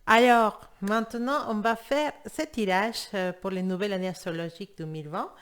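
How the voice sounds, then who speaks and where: A woman with a Spanish accent gives a casual tarot reading in French, chatting directly to her viewers. Her voice sits at an ordinary middle pitch for a woman. She talks in an easygoing, conversational way. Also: normal speed. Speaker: tarot reader.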